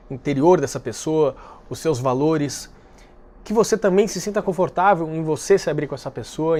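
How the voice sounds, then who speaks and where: A man hosting a dating-advice video, speaking calmly and directly to the viewer, explaining step by step. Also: a little high. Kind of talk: direct-to-camera advice talk.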